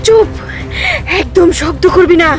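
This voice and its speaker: A wicked old moon witch played by a woman from a fairy-tale drama. She threatens and gloats in an extremely high voice with a rural Bangladeshi accent, over clear background music. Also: expressive, a little slow. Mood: menacing. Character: wicked, menacing old moon witch who snatches children.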